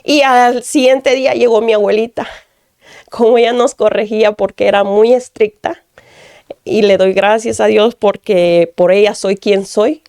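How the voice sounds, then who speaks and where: Gravelly-voiced woman giving an earnest testimony. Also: mid-range voice, fairly even intonation, unhurried, darkish tone, no echo, clean studio sound. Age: adult. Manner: earnest, repeats phrases, often addresses the pastor. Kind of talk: emotional personal testimony.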